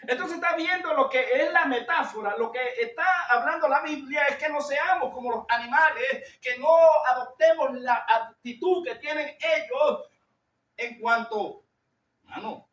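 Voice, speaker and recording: High-voiced, loud Venezuelan preacher in echoey church. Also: male voice. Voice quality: loud, shouting timbre. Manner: earnest, confessional, addresses listeners as brother. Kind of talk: sermon. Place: church hall. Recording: echoey hall, distant lo-fi mic.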